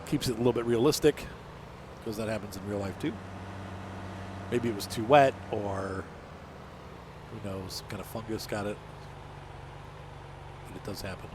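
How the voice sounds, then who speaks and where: A man's voice: lowish voice, normal speed, pauses often. Congested man with a stuffed-up nose. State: sick with allergies, nose fully plugged. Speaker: gaming channel host. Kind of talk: casual gameplay commentary. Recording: noticeable noise behind the voice.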